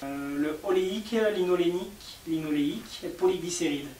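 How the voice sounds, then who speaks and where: A man's voice: a little high, a little fast, a little mellow. Patient French man explaining, echoey room. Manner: patient, explains step by step with many fillers. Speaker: cosmetics maker interviewed. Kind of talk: explanatory interview talk. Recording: echoey room, mic at a distance, faint hiss.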